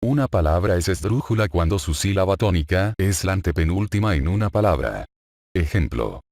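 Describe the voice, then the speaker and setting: A man narrating a scripted spelling lesson, reading rules and examples in an even, list-like way. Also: deep voice, normal speed, dry recording.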